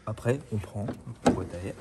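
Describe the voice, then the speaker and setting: A man explaining a car part swap in a relaxed, joking and crude way, recorded in a garage. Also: on the low side, moderate pace. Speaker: amateur mechanic co-host. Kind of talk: casual how-to commentary. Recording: loud noise in the garage.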